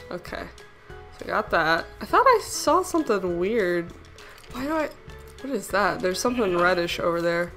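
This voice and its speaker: A woman's voice: medium pitch, fairly bright tone. A young woman hosting a casual Minecraft let's play, talking through her moves in a chatty, giggly way with playful little sound effects. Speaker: gaming channel host.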